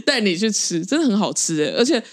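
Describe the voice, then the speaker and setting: A woman's voice: mid-range voice, fast, no echo. Woman, voice swoops up and down, giggly, close dry mic. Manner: laughs often, expressive. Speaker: podcast co-host. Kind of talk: casual chat.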